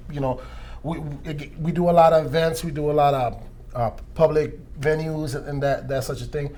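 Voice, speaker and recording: A man's voice: on the high side, mellow. A man in his forties from Costa Rica, a DJ being interviewed, talking casually with many restarts and fillers.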